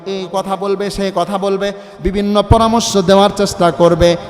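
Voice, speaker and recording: High-pitched man preaching in sung bursts. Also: flat delivery, normal speed. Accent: Bangladeshi Bengali. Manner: shifts from soft talk into loud sung chanting. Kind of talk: waz sermon. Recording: long hall reverb with faint music.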